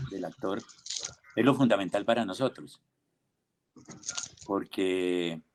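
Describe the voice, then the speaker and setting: An older man, an invited theatre director speaking on a video call in a reflective, deliberate way, full of pauses, fillers and emphatic rhetorical questions. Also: fairly low pitch. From Colombia. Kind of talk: reflective panel talk. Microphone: computer or headset mic on a video call.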